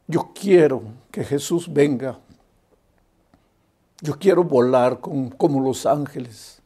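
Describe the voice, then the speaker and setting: A man preaching an evangelistic sermon, who swings between loud emphatic appeals and hushed storytelling. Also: mid-range voice.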